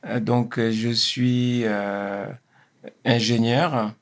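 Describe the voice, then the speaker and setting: A man, speaking as an interview guest in a measured, hesitant way with many pauses and restarts. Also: medium pitch, little pitch movement. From Senegal. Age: 50s. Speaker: interview guest, engineer and consultant. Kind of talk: casual interview.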